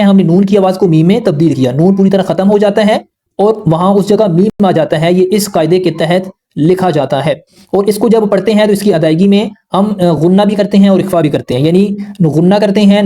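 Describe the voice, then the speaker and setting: A man with a fairly high voice, teaching a lesson on recitation rules. He explains carefully and patiently, going over each rule again in plain words so beginners can keep up. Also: mellow. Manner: patient, explanatory, repeats rules slowly and simply.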